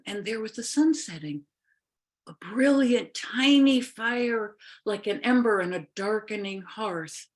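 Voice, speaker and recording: A woman telling a fairy tale live, expressive and unhurried, lingering on images with drawn-out pauses, heard over a video call. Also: medium pitch. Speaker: storyteller. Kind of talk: live oral storytelling.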